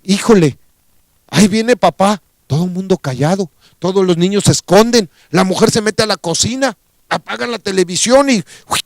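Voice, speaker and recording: A man's voice: high voice, brisk, creaky, dry recording. A man with a Mexican accent preaching a radio sermon, telling a story and asking rhetorical questions of his listeners.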